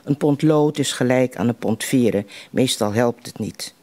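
A man reciting poems in a slow, measured way, with deliberate pauses between lines. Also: medium pitch, darkish tone. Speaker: poetry reciter at a literary evening.

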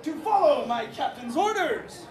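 A woman playing a bossy, playful pirate captain on stage, booming and teasing the audience in a live show. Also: lively intonation, a little slow, a crowd in the background. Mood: drilling recruits. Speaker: stage actor. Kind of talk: live interactive theatre. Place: indoor theatre, live audience. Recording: echoey hall from far off with audience.

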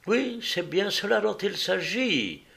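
A composed, sharp-eyed detective, as a male narrator voices him, measured and patient. Slow, deliberate storybook delivery with polite precision. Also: high voice, sing-song, creaky, voice pushed up, heavily acted.

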